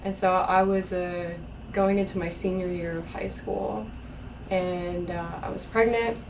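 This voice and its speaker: A woman's voice: lowish voice, fairly even intonation, a little slow, a little mellow, recorded from a distance, slight background noise, poor audio. A woman, an instructor, talking earnestly and chattily with fillers as she asks and shares her story. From East Texas. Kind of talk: conversation host sharing a story. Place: bright indoor studio set.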